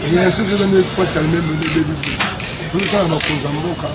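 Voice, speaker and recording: A man's voice: fairly high pitch, fairly even intonation, a little fast, very noisy. A man in a street interview, rambling. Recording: loud crowd and music behind.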